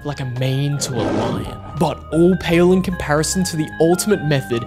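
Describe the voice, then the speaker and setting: A man's voice: on the high side, lively intonation, brisk, music in the background. An Australian man reading a scripted, tongue-in-cheek documentary narration.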